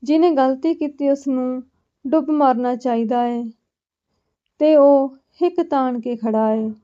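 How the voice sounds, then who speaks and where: A woman's voice: high-pitched, measured pace, smooth, highs cut off. A woman voicing a fierce young wife in a storybook reading, speaking sharply and defiantly. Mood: angry. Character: fierce young wife standing her ground.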